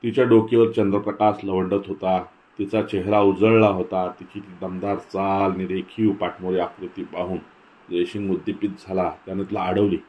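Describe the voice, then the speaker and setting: A man reading a novel aloud in a measured, expressive storytelling manner. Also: low-pitched. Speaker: audiobook reader.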